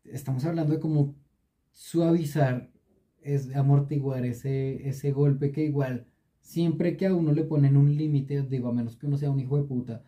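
A man's voice: medium pitch, fairly even intonation, moderate pace, warm tone. A man co-hosting a casual podcast, swearing freely and arguing his point with lots of repeats. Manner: crude joking, argumentative, repeats himself. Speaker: podcast co-host.

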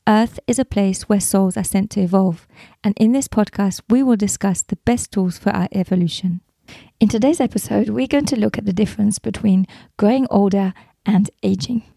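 A woman hosting a motivational podcast alone, talking earnestly from a script, her voice roughened by a recent cold. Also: medium pitch, dark tone, no echo, studio quality. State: recovering from a cold, voice affected. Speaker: podcast host. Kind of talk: scripted solo podcast monologue.

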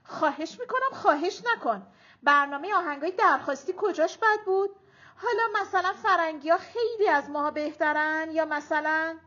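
A woman reading an audiobook, voicing a coquettish, sharp-tongued older grandmother in quick, lively retorts. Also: extremely high pitch, pitched above the performer's own voice. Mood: indignant. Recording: dull lo-fi audiobook recording.

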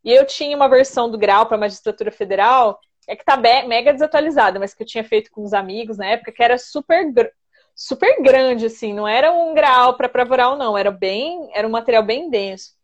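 A woman's voice: fairly high pitch, a little fast. A woman with a Brazilian caipira country accent, chatting informally as an interview guest and often repeating herself. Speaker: interview guest, federal prosecutor. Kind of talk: casual chat, answering questions.

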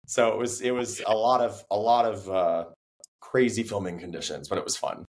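Laryngitis has left this young man hoarse and his voice a bit deeper than normal. Appearing as a singer-songwriter guest in a relaxed interview, he talks at normal speed and tells lively stories, performing the lines he quotes himself saying.

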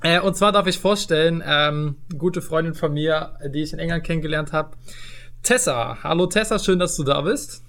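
A man's voice: fairly high pitch, normal speed, a bit bright. A young man co-hosting a casual podcast, talking loosely with many fillers and frequent laughs. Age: young adult. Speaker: podcast co-host.

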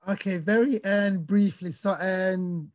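A man, talking through his life story as an interview guest. His voice sits fairly high, and he sounds casual and chatty, with a few fillers. The sound is dry and close. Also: steady tone, slow pace, no room sound. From Somalia, raised in Sheffield, England. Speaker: interview guest, activist and author. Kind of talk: conversational interview answers. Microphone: video call.

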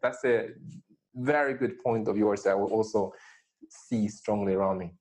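A man talking as a guest in a casual podcast conversation, earnest and pausing to search for his words. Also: lowish voice, darkish tone, low-quality recording.

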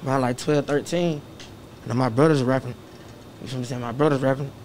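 A man's voice: medium pitch, steady tone, fairly quick, a little mellow, a little hiss or hum. Rambling man. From Atlanta, Georgia, United States. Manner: rambling, fillers, keeps asking "you feel what I'm saying". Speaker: rapper guest. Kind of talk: casual interview chat.

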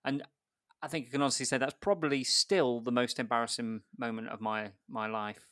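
A guest storyteller, an adult man, tells an embarrassing story about himself in casual conversation, laughing and self-mocking along the way. He talks a little fast in a medium-pitched, fairly bright voice with fairly even intonation. The studio recording is clean, with no room sound.

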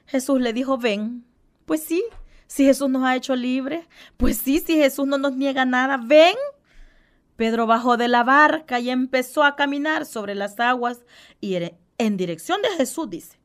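A woman delivers a radio sermon in a high, bright register. Her preaching is fervent and pleading, full of repeated exclamations of devotion. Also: normal speed.

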